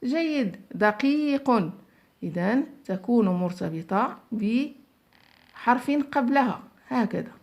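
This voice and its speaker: A woman teaching young children to read, stretching out each word slowly and praising them often. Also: on the high side, lively intonation, a little mellow, highs cut off. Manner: slow, drawn-out word modelling with frequent praise. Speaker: primary school teacher. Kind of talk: phonics lesson for young children.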